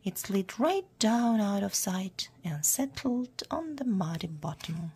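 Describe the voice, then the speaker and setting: Slow, gravelly, breathy woman storyteller. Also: mid-range voice, very animated, a little hiss or hum. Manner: hushed, half-whispered reading. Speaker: storyteller for English learners. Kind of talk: storybook read-aloud.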